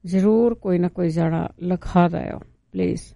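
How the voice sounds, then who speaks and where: A woman hosting a radio call-in show, taking callers and answering them calmly and briefly. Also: fairly low pitch, normal speed, vocal fry, dry recording, dull audio. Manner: calm, brief replies to callers. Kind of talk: radio call-in chat about home remedies.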